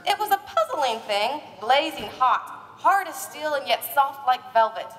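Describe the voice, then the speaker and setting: On a live stage at a bar party, a female narrator and presenter reads a romance parody dramatically with playful theatricality. Her voice sits high, a bit bright and sing-song, at a normal speed. The sound is from a distant mic in an echoey hall.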